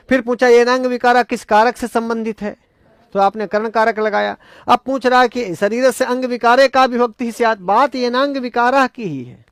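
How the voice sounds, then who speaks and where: A man's voice: high-pitched, no room sound, studio quality. A man teaching Sanskrit grammar for exam prep in an emphatic lecture, repeating points and firing rhetorical questions at his students.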